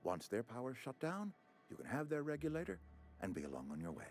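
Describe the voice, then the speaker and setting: An actor playing an officious, smarmy town administrator in a video game, speaking in a formal, unctuous manner. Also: male voice, medium pitch, huge pitch swings, fast talker. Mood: smooth, scheming. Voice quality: slimy. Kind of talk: video game character acting.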